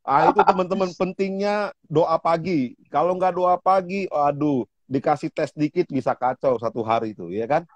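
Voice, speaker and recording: A man hosts a relaxed livestream chat, dropping in quick agreements and playful jokes. His voice sits a little high for a man. The sound is dry and close. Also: no echo, muffled recording. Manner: short encouraging interjections and joking asides. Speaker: host. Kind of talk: casual livestream talk show.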